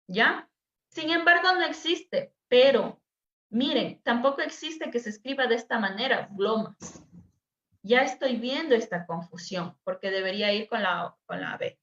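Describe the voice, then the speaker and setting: A woman's voice: on the high side, fairly bright tone. A woman teacher, patiently explaining a dyslexia assessment to a workshop group over a video call. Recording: echoey room, dull lo-fi sound.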